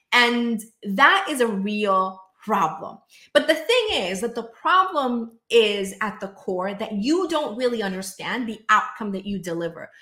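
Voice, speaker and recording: Solo podcast host, young woman, lively and conversational, bright tone, roomy echo. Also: medium pitch. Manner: energetic, conversational, acts out inner voices, often asks "right?". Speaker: podcast host and business coach.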